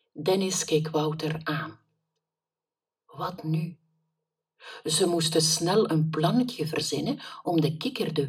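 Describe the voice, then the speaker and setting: Calm female storybook reader, slow and a bit low, set back from the mic. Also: breathy edge. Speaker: narrator. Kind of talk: children's storybook reading. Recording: voice somewhat distant from mic.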